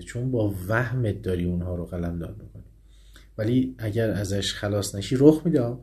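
A man with a low, mellow voice gives a lesson on classical poetry. He chants each verse slowly, then breaks it down in quick, everyday talk. His delivery moves easily between recitation and explanation.

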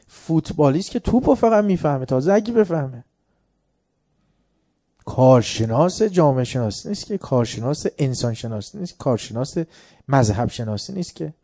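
A man's voice: medium pitch, sing-song, dark tone, no room sound, studio quality. A man giving a religious lecture, telling anecdotes and acting out the dialogue, growing emphatic as he makes his points. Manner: storytelling, acts out dialogue, grows emphatic.

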